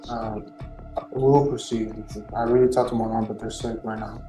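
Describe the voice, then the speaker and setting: Fields: Sex: man. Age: 20s. Role: defendant. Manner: quiet, halting, hesitant. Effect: courtroom recording. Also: lowish voice, level tone, reverberant, faint music behind. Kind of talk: courtroom testimony.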